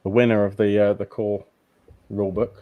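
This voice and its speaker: A man with a fairly low voice hosts a relaxed podcast over a remote call. He teases the others and chuckles at his own asides. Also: fairly quick, no room sound, phone-quality sound. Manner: jokey, teasing, chuckles at his own quips. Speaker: podcast host. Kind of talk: casual podcast chat.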